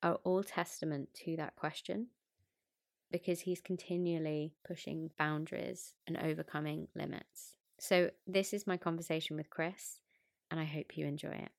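A woman's voice: deep voice, fairly even intonation, normal speed, vocal fry, no room sound, studio quality. A woman hosting a self-development podcast, reading a scripted guest introduction and then chatting. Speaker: podcast host. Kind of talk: podcast interview.

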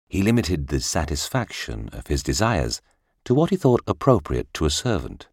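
A man reading short spiritual tales aloud as an audiobook narrator, measured and deliberate. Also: deep voice, darkish tone, no echo, studio quality.

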